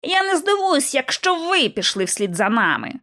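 A woman's voice: high-pitched, sing-song, normal speed, fairly bright tone, pitched above the performer's own voice. A woman reading an audiobook, voicing a brash, boastful young male rival agent. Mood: scornful. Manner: boastful, scornful. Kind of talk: audiobook narration.

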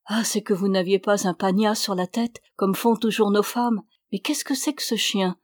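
A woman reading the lines of a calm, devoted young man in a storybook, in an earnest, steady voice. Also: medium pitch, moderate pace, no echo, clean studio sound, lightly acted. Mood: warm.

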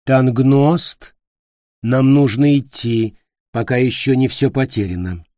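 A man reading an audiobook, voicing a proud, imperious fairy queen in a higher, louder voice. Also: slow pace, dry recording, clean studio sound, natural voice.

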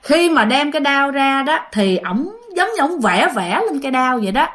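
Casual ghost-story narrator: Southern Vietnamese woman, chatty, slightly high-pitched. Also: lively intonation, moderate pace, a bit bright. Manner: chatty, addresses listeners directly, many fillers.

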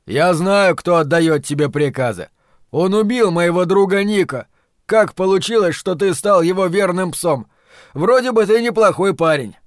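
A man's voice: high-pitched, animated, no echo, clean studio sound, pitched above the performer's own voice. A man voicing an angry older farmhand who drags out every word. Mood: seething. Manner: drawn-out words, seething. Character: furious drawling older male farmhand.

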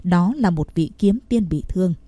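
A woman voicing a shadowy male assassin guild boss who speaks in a cold, scornful, husky tone, read from a storybook. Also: on the low side, moderate pace, warm tone, no room sound, natural voice. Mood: cold, scheming.

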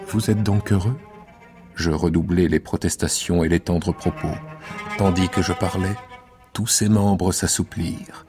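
A man giving a measured, intimate and theatrical radio reading of a classic novel in the first person. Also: deep voice, flat delivery, over music. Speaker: reader.

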